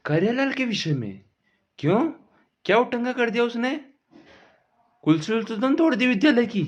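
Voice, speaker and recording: A man playing a gruff rustic village father. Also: extremely high pitch, big pitch swings, normal speed, lo-fi sound, pitched above the performer's own voice, full character voice. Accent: Malvi. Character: rustic village father, blunt and quick to scold.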